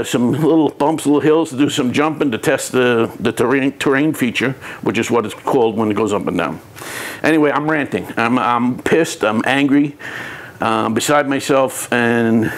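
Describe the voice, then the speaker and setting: A man from New City, venting in a rambling, frustrated vlog about his hobby, with many restarts. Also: mid-range voice. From New York City. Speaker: RC hobby vlogger. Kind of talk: ranting vlog to camera.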